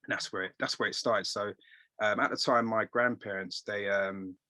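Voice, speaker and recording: A middle-aged man, a tailor being interviewed, telling stories in a rambling, animated way and quoting voices. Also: on the low side, moderate pace, dry recording. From England. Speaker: guest tailor. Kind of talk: casual interview storytelling.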